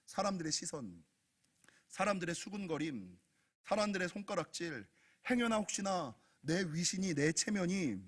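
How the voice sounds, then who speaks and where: A male pastor preaching a sermon, animated, acting out biblical figures and putting questions to the congregation. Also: sits high, normal speed, husky. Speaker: senior pastor.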